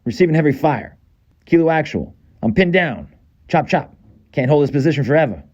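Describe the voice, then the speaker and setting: A man's voice: a little high, lively intonation, fairly quick, darkish tone, lo-fi sound. A man with a Boston accent voicing a tough American soldier in a video game, giving clipped military radio callouts. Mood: urgent, commanding. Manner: clipped, urgent military delivery.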